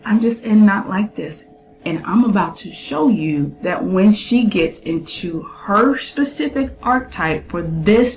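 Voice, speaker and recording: A woman's voice: medium pitch, roomy sound, slight background noise, rough recording. A woman giving casual commentary on a clip, chatty, quizzing the viewer and listing traits.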